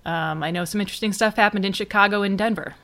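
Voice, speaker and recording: A woman's voice: medium pitch, quick pace, a bit bright. A woman hosting a podcast, asking questions in a wry, conversational way. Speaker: podcast host.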